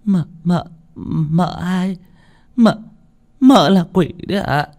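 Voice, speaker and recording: A man's voice: high voice, lively intonation, slow, darkish tone, pitched above the performer's own voice. A man voicing a frightened young servant girl who stammers in a spoken horror story. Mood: terrified.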